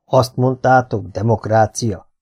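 A man reading an audiobook, voicing a blunt, burly medieval Hungarian war-lord with gruff, old-fashioned speech. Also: medium pitch, dark tone, highs cut off, lightly acted. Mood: puzzled.

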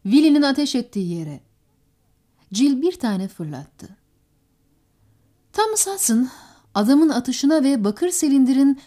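A woman reading an audiobook narration in a steady, measured way. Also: high voice.

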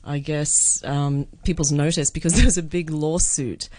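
A woman's voice: low-pitched, steady tone, normal speed, mellow, dry recording. A woman radio host chatting casually in the studio, with lots of fillers and frequent laughs.

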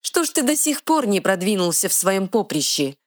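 A woman voicing a tiny, sharp-tongued female fairy guardian with quick retorts, in a dry close recording. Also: a little high, lively intonation, no room sound, pitched above the performer's own voice. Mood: feisty.

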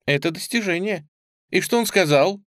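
A man's voice: sits high, animated, moderate pace, a bit bright, no room sound, voice pushed up. A man voicing a proud, hot-tempered young woman cook who speaks sharply and indignantly, close to tears.

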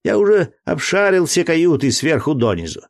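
A man doing a high, shrill voice for a fussy learned entomologist, all prim indignation and pedantry. It swings up and down wildly and lectures like a storybook professor. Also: sing-song, moderate pace, gravelly. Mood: fussy, lecturing. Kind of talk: audiobook character voice.

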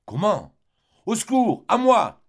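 A man's voice: lowish voice, huge pitch swings, moderate pace, a little mellow. A man doing a frantic, tender husband. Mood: panicked.

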